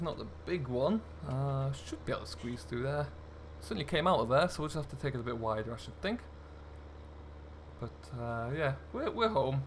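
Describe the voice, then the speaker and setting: A man with a mid-range voice hosts a gaming video series, offering casual role-play commentary while playing a farming simulator. There is slight background noise.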